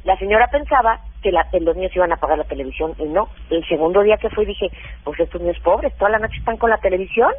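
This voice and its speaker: A woman's voice: medium pitch, quick pace, husky, no room sound. A woman who is a parenting expert gives practical advice in a radio interview and explains things step by step with examples. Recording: phone-like narrow band, dry.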